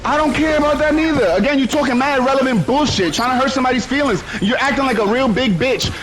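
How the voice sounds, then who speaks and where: Man, very high voice, heated voice-chat argument, angry, profane, repetitive. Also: fast, fairly bright tone, slight background noise, low-quality recording. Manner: angry, profane, repeats himself. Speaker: voice chat participant.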